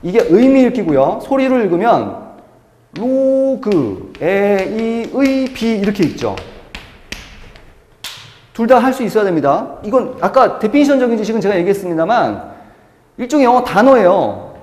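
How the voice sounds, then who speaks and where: A man's voice: sits high, sing-song, brisk, pauses often, a little mellow. A male math teacher lecturing a class, emphatic and repetitive, asking questions and answering them himself. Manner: emphatic, repeats key words, asks and answers own questions. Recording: echoey classroom with long reverb.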